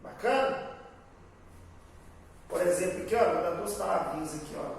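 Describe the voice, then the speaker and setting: Echoey, high-voiced Brazilian man teaching. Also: normal speed, vocal fry. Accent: Brazilian Portuguese. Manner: explains patiently, checks in with the class often. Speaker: grammar teacher. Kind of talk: online class on accent rules. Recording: very echoey room, voice far from mic, faint hiss.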